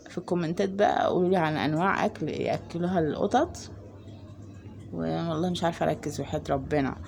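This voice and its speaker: A woman with an Egyptian Arabic accent talks fast and loosely to her viewers from her home. Her voice sits on the low side, and her speech is full of fillers and little asides. A faint background noise sits under the recording. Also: vocal fry. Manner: chatty and rambling, filler-heavy. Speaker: cat vlogger. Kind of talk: casual chat to viewers.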